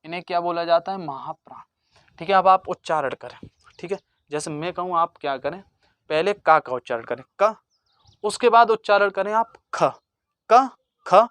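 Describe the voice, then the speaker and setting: Exam-prep teacher, mid pitch, question-and-answer drilling, dry recording. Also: lively intonation, a little fast, no echo. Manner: call-and-response, asks a question then answers it lower and softer. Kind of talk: exam-prep grammar lesson.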